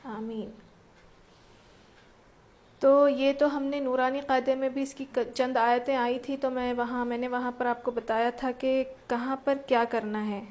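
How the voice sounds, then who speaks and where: A woman's voice: high-pitched, level tone, darkish tone. A woman teaching Quran recitation rules, explaining step by step and asking and answering her own questions. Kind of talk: tajweed lesson.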